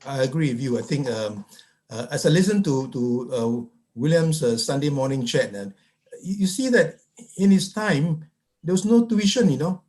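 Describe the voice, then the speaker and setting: A man's voice: a little high, darkish tone. Man asking rhetorical questions. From Malaysia. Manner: asks rhetorical questions in bursts, halting restarts. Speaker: psychiatrist panelist. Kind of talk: webinar panel discussion.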